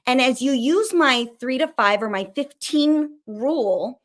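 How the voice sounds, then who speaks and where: Middle-aged lady counselor, talks fast n chatty, swears casually, teaching vibe. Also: high-pitched. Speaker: licensed counselor hosting a mental health show. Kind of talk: casual teaching while sharing a screen.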